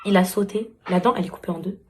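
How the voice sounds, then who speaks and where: A woman's voice: medium pitch, very fast, darkish tone. A tired mother in her thirties chatting casually and affectionately to her viewers in a home vlog. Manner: chatty, affectionate, addresses viewers as "les filles". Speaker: family vlogger, mother.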